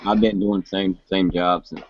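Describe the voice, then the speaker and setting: Over noisy background sound, a deep-voiced man in his late twenties hosts a relaxed chat about motorcycles. He talks a little slowly in a level tone, wandering off topic and frequently starting over, and the stream audio comes through muffled and lo-fi.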